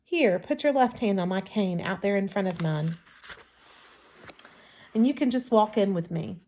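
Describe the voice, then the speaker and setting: A woman reading the part of a frank, quick-tempered blind teenage girl in an audiobook. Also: medium pitch, lively intonation, dark tone, slight background noise. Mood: caring.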